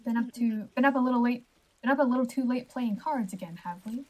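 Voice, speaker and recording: A woman's voice: on the high side, fast, darkish tone, lightly acted. A woman voicing a kindly, teasing young noblewoman.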